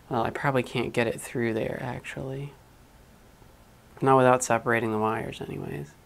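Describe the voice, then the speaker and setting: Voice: mid-range voice, creaky. A live-streamer chatting casually while wiring a 3D printer in a small hot room at home, muttering to themselves and swearing now and then. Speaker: livestreamer building a 3D printer.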